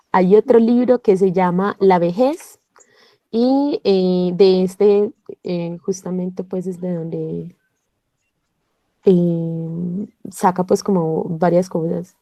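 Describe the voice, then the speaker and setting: Woman reading aloud on a video call, mellow dry voice, lots of ums. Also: fairly low pitch, steady tone, very slow, pauses often, no echo. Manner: hesitant, many fillers and restarts. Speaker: book club member leading a shared reading. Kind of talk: casual online reading club talk with read-aloud passages.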